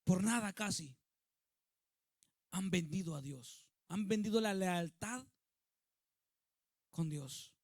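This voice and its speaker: A male pastor preaches with emphasis and keeps turning to his listeners with questions. His voice sits high for a man. The recording is dry and close, with no room echo. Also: takes it slowly, long pauses, a little mellow. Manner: emphatic, asks the congregation questions. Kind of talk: sermon.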